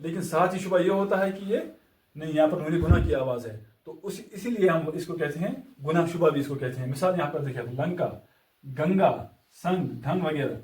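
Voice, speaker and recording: A high-voiced male teacher walks through a lesson with patient, deliberate explanations, pausing to repeat each example slowly. His voice sounds distant and echoey, as if recorded in a reverberant classroom. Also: darkish tone. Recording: echoey room, voice far from mic.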